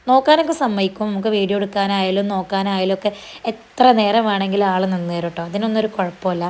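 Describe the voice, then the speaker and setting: A woman's voice: mid-range voice, darkish tone. A woman narrating her shopping vlog in a chatty voice-over, her voice a little strained. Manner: chatty, sprinkles tag particles, talks fast. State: voice strained after losing it. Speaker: vlogger.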